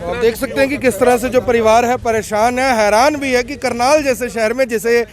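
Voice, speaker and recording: News field reporter, man, very high voice, emphatic commentary, outdoor street recording. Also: steady tone, normal speed, crowd noise. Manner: leading questions, emphatic commentary. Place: outdoors at a cremation ground.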